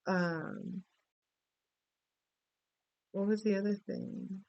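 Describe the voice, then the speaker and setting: A woman's voice: mid-range voice, fairly even intonation, extremely slow, gravelly, clean tone, dry recording, lo-fi sound. A middle-aged woman from the Dominican Republic, giving a casual spoken astrology reading and rambling through a story with many asides. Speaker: astrology and tarot reader.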